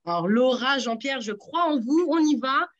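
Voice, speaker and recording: Upbeat radio quiz host, a woman with a fairly high voice who teases her players. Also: expressive, normal speed, lo-fi sound. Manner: teasing, encouraging contestants. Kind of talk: lively radio quiz hosting.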